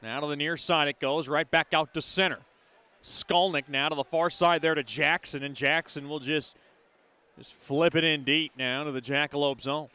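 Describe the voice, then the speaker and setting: A man's voice: fairly high pitch, steady tone, moderate pace, sharp tone, clear, resonant tone. A man giving live hockey commentary as play-by-play announcer, describing the action in short, clipped phrases.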